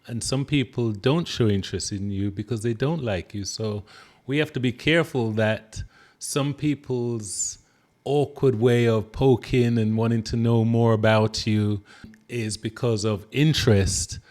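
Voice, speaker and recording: A middle-aged man hosts a conversational podcast interview. He speaks in a measured, reflective way and often murmurs agreement while his guest talks. His voice sits at an ordinary pitch for a man. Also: darkish tone. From England. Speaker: podcast host.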